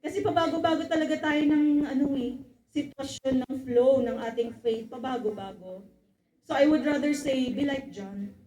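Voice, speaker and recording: A woman with a high voice preaches in mixed Tagalog and English. She keeps calling out to the congregation for an amen. The room around her sounds echoey and reverberant. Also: a little mellow. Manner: calls out "Amen?" and "Glory to God" to the congregation, acts out quoted voices. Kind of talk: Taglish sermon.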